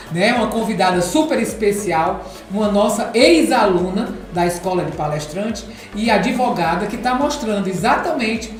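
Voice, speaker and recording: Lady hosting a podcast, emphatic, repeats herself, echoey room with faint music. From Ceará, Brazil. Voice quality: deep contralto voice. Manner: emphatic, repeats phrases for effect. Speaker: podcast host and speaking coach. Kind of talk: casual podcast chat.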